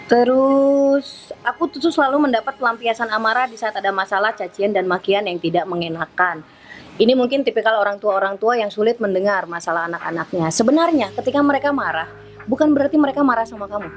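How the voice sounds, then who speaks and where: A middle-aged woman reads out her followers' questions and answers them with firm, parental advice in a casual Q&A vlog. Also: on the high side.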